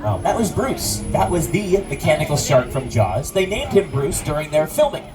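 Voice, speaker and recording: A tour guide with a mid-pitched, highly animated voice narrates in a theatrical, joking way. The delivery plays up mock alarm like a scripted show. Music runs behind the voice on a moving tram. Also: moderate pace.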